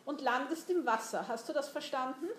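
A woman's voice: high voice, a little fast, slight background noise, close to an everyday voice. A woman voicing a domineering, mocking older merchant who talks down to a boy in a storybook reading. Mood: commanding. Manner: commanding, mocking. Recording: roomy echo.

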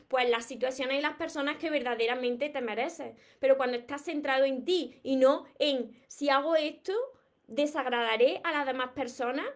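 A woman's voice: high voice, fairly bright tone. A woman from Córdoba with an Andalusian accent, giving an earnest motivational talk to viewers on a live stream. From Córdoba, Andalusia, Spain. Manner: earnest, repetitive, addresses viewers directly. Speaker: self-help live streamer.

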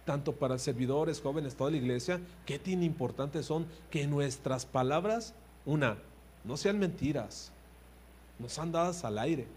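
A man preaches a sermon with animation, swinging from loud emphasis to quiet asides and putting direct questions to his listeners. His voice sits on the high side at a measured pace, with a little hiss or hum.

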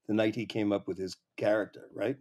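A man's voice: fairly low pitch, little pitch movement, a little fast, a little mellow. A man, a comedy writer, guesting on an interview show and telling rambling, profane stories full of restarts. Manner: rambling, swears often, many restarts. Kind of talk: casual anecdote telling.

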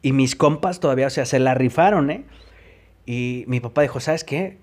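A man's voice: mid-range voice, brisk, a little mellow. A man with a Mexican accent giving a personal testimony in an interview, telling his story in an emphatic, profane way.

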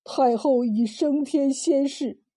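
A woman's voice: sits high, slow pace, mellow. A woman voicing a frightened male court official who grovels and pleads before the emperor. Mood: hushed. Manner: trembling, pleading.

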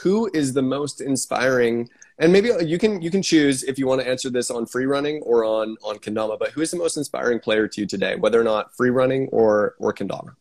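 A man's voice: mid-range voice, fairly quick, hardly any pauses, a little mellow. A man hosting an interview show, talking in a laid-back, slangy way. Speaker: podcast host. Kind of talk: casual interview.

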